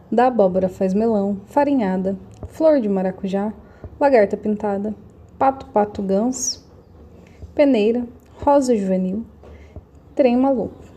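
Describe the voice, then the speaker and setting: A woman's voice: mid-range voice, mellow, breathy edge. A woman, a schoolteacher patiently explaining lessons step by step to children over a computer mic. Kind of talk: remote class instructions.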